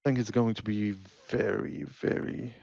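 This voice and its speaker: A man co-hosting a casual football podcast, talking in halting bursts with repeated words while his microphone cuts out and his volume jumps up and down. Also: fairly low pitch, level tone, gravelly, darkish tone, no room sound, lo-fi sound. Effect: mic cutting out, uneven volume. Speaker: podcast co-host.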